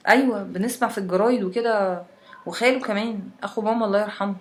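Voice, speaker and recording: A woman's voice: medium pitch, racing, lightly acted. A woman voicing a wry, chatty young Egyptian woman from Alexandria who tells a friend about winter.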